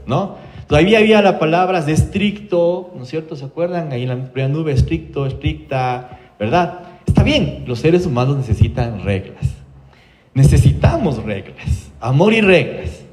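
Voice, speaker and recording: Ecuadorian male psychologist, slightly high voice, animated workshop storyteller, roomy sound. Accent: Ecuadorian Spanish. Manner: animated storytelling, acting out quoted voices, frequent tag questions. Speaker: psychologist giving a workshop to parents. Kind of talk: workshop talk to parents. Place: room, workshop.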